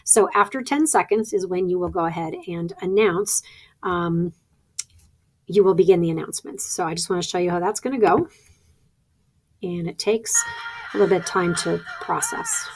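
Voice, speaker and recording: A woman's voice: fairly low pitch, animated, normal speed, husky. A woman teacher talking through a screen-recording tutorial in a practical, chatty way, thinking aloud as she clicks. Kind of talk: instructional screen-recording walkthrough.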